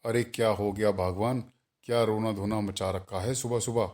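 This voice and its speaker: An exasperated older father-in-law who grumbles at the family, voiced by a man for a cartoon. His voice is low and fed up. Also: steady tone, moderate pace, a little mellow, natural voice.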